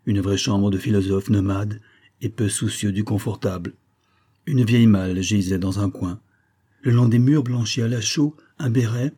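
A man reading a classic French novel aloud as an audiobook narrator, steady and unhurried. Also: lowish voice, breathy edge. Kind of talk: scripted narration.

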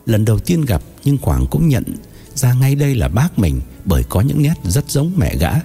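A man narrating an audiobook in an expressive, dramatic storytelling manner. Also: medium pitch, moderate pace, breathy edge, faint music behind.

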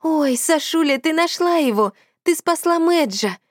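A woman doing a high gushing girl Tanyusik. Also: expressive, a little slow, darkish tone, no echo, clean studio sound. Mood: excited. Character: excitable young woman friend Tanyusik.

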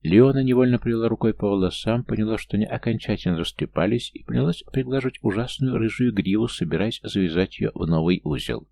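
A man narrating an audiobook in a steady storytelling manner. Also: fairly low pitch, quick pace, creaky, few pauses.

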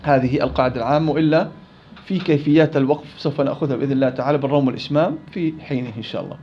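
A man's voice: medium pitch, rapid-fire, muffled recording. A man teaching Quran recitation rules in a classroom lecture, explaining rules and quizzing his students.

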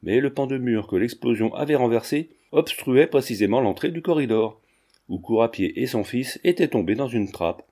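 Mellow-voiced male audiobook narrator. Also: mid-range voice, lively intonation, normal speed.

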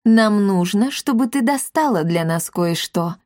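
A woman voicing a commanding male talking cat who leads a gang, speaking in a low, deliberate storybook manner. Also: animated, darkish tone, no echo, clean studio sound, close to an everyday voice. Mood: scheming. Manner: commanding, growling threats.

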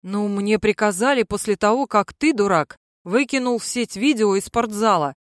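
A woman's voice: mid-range voice, moderate pace, no room sound, clean studio sound, natural voice. A woman voicing a small, spiteful young woman who snaps and whines. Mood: snappish.

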